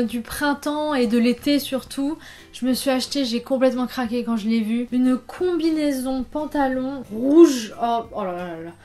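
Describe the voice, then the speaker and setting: A young woman chatting casually through a clothing try-on haul, gushing and chatty with many fillers. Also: high-pitched. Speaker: fashion vlogger.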